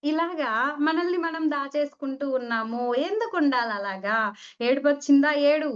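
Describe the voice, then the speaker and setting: Higher-voiced woman giving a spiritual talk. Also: expressive, normal speed. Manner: conversational, acts out little dialogues. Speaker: meditation teacher. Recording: dull lo-fi recording.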